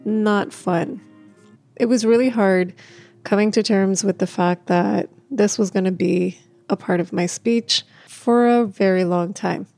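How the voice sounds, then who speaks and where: Woman vlogger, slow, mellow, candid, with halting restarts and faint music behind. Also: mid-range voice, fairly even intonation, gravelly, no room sound. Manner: halting, with pauses and occasional stuttered restarts; candid and open. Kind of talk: personal talk to camera.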